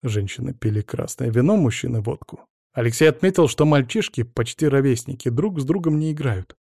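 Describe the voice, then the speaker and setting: A man narrating an audiobook in an even storytelling manner. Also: medium pitch, a little fast, vocal fry, no echo, clean studio sound. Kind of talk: scripted narration.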